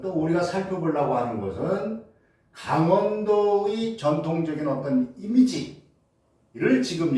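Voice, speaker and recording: Here a man of medium pitch and slightly mellow timbre lectures on the humanities for a general audience. He poses questions rhetorically and supplies his own answers, with many fillers and false starts along the way. The recording, made in a lecture hall, is distant and heavily echoed.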